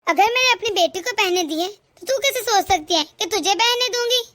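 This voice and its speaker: A woman's voice: very high voice, animated, fairly quick, fairly bright tone, no echo. A woman voicing a strict middle-aged mother-in-law in a cartoon family drama, lecturing her daughter-in-law. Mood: scolding. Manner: scolding, lecturing. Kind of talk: cartoon voice acting.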